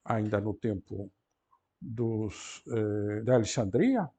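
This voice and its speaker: A man teaching an introductory Greek class, explaining pronunciation slowly and deliberately and often adding tag questions. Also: fairly low pitch, expressive, mellow, slightly rough. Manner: slow and deliberate, frequent "não é?" tag questions. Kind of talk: university lecture.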